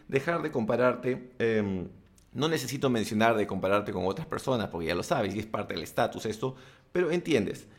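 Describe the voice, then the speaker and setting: A man giving motivational tips in a casual monologue to camera, blunt and crude with animated asides. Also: mid-range voice, gravelly. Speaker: self-help vlogger and coach.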